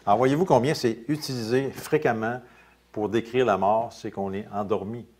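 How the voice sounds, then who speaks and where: A male pastor with a Quebec French accent preaching a sermon, reading scripture aloud and commenting in quieter, casual asides. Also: lowish voice, moderate pace. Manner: lively preaching, rising loud on scripture then dropping to quiet asides.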